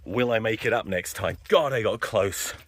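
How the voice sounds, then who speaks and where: A fairly low-pitched, slightly bright male voice at a moderate pace narrates an outdoor vlog on a cliffside staircase. Recorded on a phone camera that occasionally goes into his pocket, he rambles, swears and growls through anxious self-talk.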